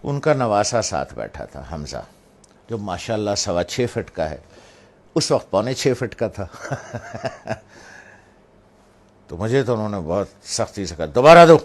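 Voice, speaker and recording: Brief: middle-aged man, low voice, relaxed anecdote-telling. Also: pauses often. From Pakistan. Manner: relaxed storytelling, pointing out gestures as he speaks. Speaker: speaker giving a moral talk. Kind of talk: personal anecdote in a talk.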